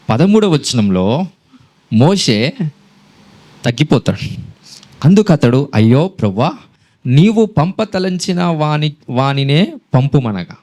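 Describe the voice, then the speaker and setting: Preacher guy giving a sermon, voice jumps all over, a bit high, keeps quizzing the crowd. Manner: animated preaching, quizzing the congregation, switching between Telugu and English.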